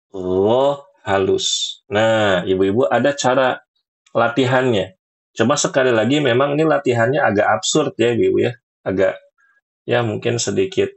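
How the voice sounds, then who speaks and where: A man with a low, gravelly voice teaches pronunciation to women in an easy, chatty tone. He talks slowly and sounds out each letter several times. He makes playful asides as he explains. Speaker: Quran recitation teacher. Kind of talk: relaxed teaching talk to women.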